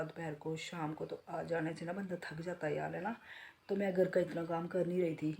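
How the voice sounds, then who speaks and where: A woman in her forties vlogging casually from home in a chatty, relaxed way, talking straight to viewers, her throat a bit sore from a cold. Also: fairly low pitch, slight background noise. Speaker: beauty salon owner and vlogger. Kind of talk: casual home vlog chat. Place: home, indoors.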